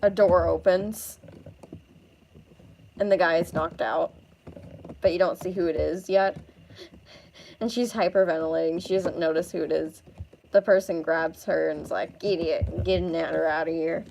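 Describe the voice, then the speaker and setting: A woman's voice: lowish voice, steady tone, unhurried, vocal fry, long pauses, darkish tone, a little hiss or hum. A woman narrating a casual role-play, hesitant and with many ums.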